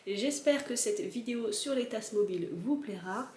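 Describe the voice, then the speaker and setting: A woman's voice: on the high side, expressive, moderate pace, darkish tone, slight background noise. Chatty woman vlogger in an echoey room. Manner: chatty, explaining with frequent fillers. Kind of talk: casual video explainer.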